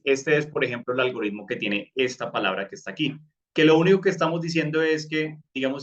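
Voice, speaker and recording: A man's voice: medium pitch, a bit bright, lo-fi sound. A man explaining a topic in a live online class, with frequent fillers and restarts. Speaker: crypto course instructor.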